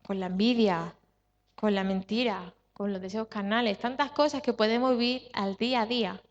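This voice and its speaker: A woman pastor with a Spanish accent from Spain preaches a sermon in a church hall, her mid-range voice moving at a normal speed. She drives her points home through repetition and questions put to the congregation. The recording sounds dull, with a long hall reverb.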